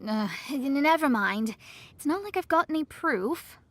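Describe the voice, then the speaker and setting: A woman playing a proud, excitable young apprentice witch in a video game, with a dramatic delivery. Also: high voice, measured pace, slight background noise. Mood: awkward. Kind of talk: animated video game dialogue.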